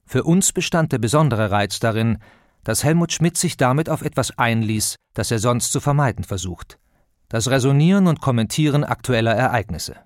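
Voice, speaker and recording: A man reading an audiobook introduction in a measured, even studio narration. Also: medium pitch, no room sound.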